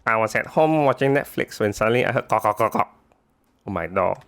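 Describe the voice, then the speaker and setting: Man acting a low-voiced, complaining Singlish speaker. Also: expressive, brisk, a bit bright. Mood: annoyed. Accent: Singaporean. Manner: colloquial Singlish with clipped grammar and particles. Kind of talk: acted everyday anecdote.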